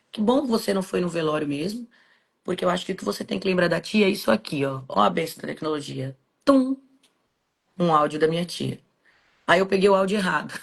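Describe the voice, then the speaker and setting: A Brazilian woman sharing a personal story on a podcast. She speaks in a soft, subdued, heartfelt way. Her pitch is middling for a speaker of unclear sex. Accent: Brazilian Portuguese.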